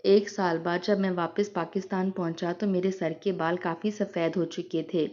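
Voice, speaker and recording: A woman's voice: lowish voice, steady tone, darkish tone. A woman narrating an emotional moral story in the first person, earnest and heartfelt, in a dull lo-fi recording.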